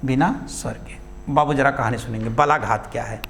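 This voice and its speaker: A male teacher giving a classroom lesson, dictating notes and repeating each phrase slowly for students to write down. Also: mid-range voice, fairly bright tone, big-room sound, a little hiss or hum.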